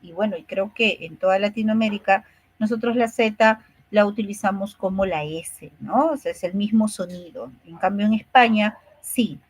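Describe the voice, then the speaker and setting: A woman's voice: mid-range voice, normal speed, breathy edge, no room sound, rough recording. A woman from Peru with a Peruvian Spanish accent, teaching a speech therapy course and explaining things step by step, often checking in with short tag questions. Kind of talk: online lecture.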